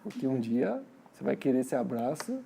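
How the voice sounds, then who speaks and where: A man with a Brazilian Portuguese accent quoting the Holy Spirit in a soft, gently reproving voice during a sermon. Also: mid-range voice, big pitch swings, normal speed, creaky, slight background noise, voice pushed down. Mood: gentle.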